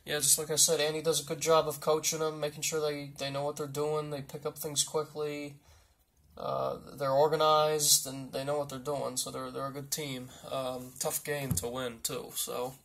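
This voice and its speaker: A man playing a blunt football coach at a mock press conference, rambling and repeating himself in halting answers. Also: a little high, little pitch movement, vocal fry, fairly bright tone. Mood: halting, matter-of-fact.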